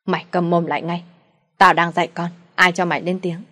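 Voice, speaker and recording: A woman voicing a drunken, abusive middle-aged father who shouts insults at his family. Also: on the low side, flat delivery, lightly acted. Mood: raging. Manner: shouting insults, fast and loud.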